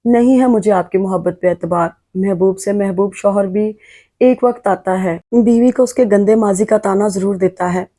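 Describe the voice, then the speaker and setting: A woman narrating as a wronged young wife, tearful yet defiant. Her voice is warm and mellow, and she presses every point insistently. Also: mid-range voice, moderate pace, no echo, clean studio sound, natural voice.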